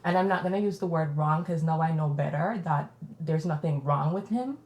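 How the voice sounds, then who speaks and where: A podcast host with a Jamaican accent speaks candidly in a low, grounded voice with a darkish tone. She is reflective and personal, talking at a moderate pace in a room with noticeable echo.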